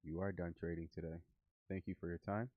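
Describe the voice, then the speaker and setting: A deep-voiced man codes trading bots on a live stream, speaking briskly with a flat delivery. He sounds nasal as he gets over the flu and mutters to himself and his bots in a casual live coding session. The audio is dry but has a phone-like quality.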